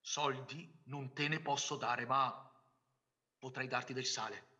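A man's voice: medium pitch, fairly even intonation, slow, pushed and bright. A man reading aloud the lines of an anxious middle-aged factory owner, pressing and urgent.

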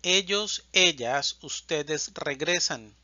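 Brief: male language teacher, very slow, careful enunciation of each form, slightly higher voice, dry and slightly dull recording. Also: lively intonation, bright, forceful tone, no room sound. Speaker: Spanish teacher. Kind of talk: slow, deliberate conjugation drill.

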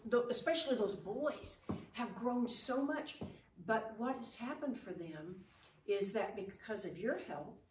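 A woman's voice: mid-range voice, darkish tone. A middle-aged woman giving an earnest, encouraging chapel talk to children. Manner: earnest, encouraging, gesturing while speaking. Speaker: ministry speaker at school chapel. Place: living room, indoors. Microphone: far camera. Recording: roomy, distant camera audio with faint noise.

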